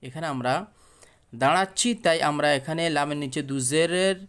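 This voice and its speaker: A man's voice: on the high side, moderate pace, fairly bright tone, clean tone. A man teaching Quran reading in Bengali, spelling out each syllable and then chanting the verse in a raised voice. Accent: Bangladeshi Bengali. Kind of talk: spelling-out recitation lesson.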